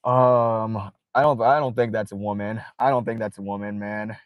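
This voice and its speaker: A man's voice: fairly low pitch, steady tone, normal speed, dry recording, dull audio. A man hosting a casual late-night livestream from inside his car, reading viewer chat aloud, swearing freely and laughing often. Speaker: livestream host.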